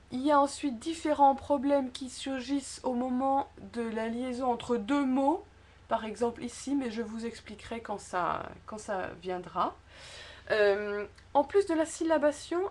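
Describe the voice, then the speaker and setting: A woman teaching a spoken language lesson, explaining words slowly syllable by syllable and stressing key words by repeating them. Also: high voice. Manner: slow, careful syllable-by-syllable explanation. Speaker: French pronunciation teacher.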